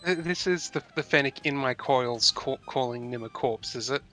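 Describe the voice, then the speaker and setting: A man's voice: mid-range voice, normal speed, sharp tone. A man at a tabletop game chatting casually, hesitant and stammering as he starts phrases, with music behind. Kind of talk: casual chat. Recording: background music.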